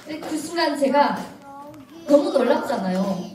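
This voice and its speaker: A woman tells her story in a high, animated voice and laughs her way through the tense parts. She sounds a little away from the mic. Her voice echoes in a hall, with an audience around her. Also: normal speed, recorded from a distance, over a noisy crowd, very noisy. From North Korea. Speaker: speaker giving testimony. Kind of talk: personal testimony to an audience.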